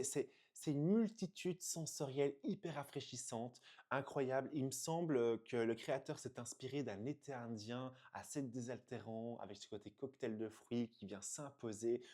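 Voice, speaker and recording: A man's voice: medium pitch, a little mellow. A man from France reviewing perfumes in an enthusiastic unboxing video, gushing with frequent exclamations and hesitant fillers.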